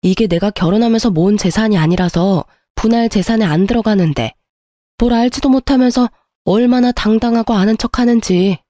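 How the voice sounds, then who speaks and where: A woman narrating a scripted first-person story, with sharp, sarcastic retorts in the dialogue. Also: medium pitch, fairly quick, no room sound, clean studio sound.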